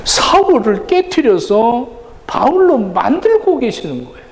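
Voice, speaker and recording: A man's voice: very high-pitched, sing-song, measured pace. A middle-aged male pastor preaching a sermon in a conversational way, sometimes acting out the people he quotes. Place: church sanctuary. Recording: roomy church hall reverb, faint ambience.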